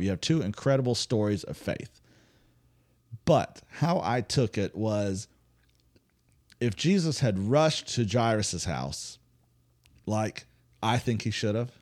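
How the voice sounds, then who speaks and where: A man's voice: on the low side, measured pace, long pauses. A man co-hosting a faith podcast, casually retelling a Bible story with humor and acting out the characters. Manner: animated storyteller, acts out voices with humor.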